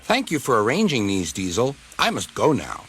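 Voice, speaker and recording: A man's voice: mid-range voice, wildly swooping pitch, moderate pace, fairly bright tone. A man voicing a sly, clever male tank engine who talks in a wry, teasing way. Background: music.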